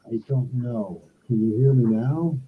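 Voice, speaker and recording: A man's voice: mid-range voice, unhurried, a little hiss or hum. A man on a video call whose voice comes through muffled, as if he is talking inside a barrel, chatting casually and joking. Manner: joking, laughing at his own remarks. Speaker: discussion participant.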